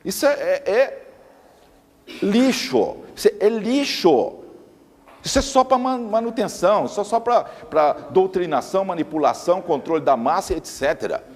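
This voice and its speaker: A man's voice: high-pitched, darkish tone. A man giving an emphatic lecture, often repeating words for stress. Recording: long reverb of a hall.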